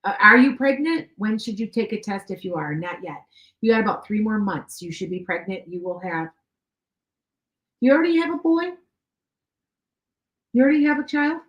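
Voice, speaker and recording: In dull, echoey audio, a middle-aged woman speaks at medium pitch and normal speed, expressive but with long pauses. Her accent blends Chicago and Wisconsin, and as a psychic medium reading for live-stream viewers she chats, repeats things and regularly checks that she's making sense.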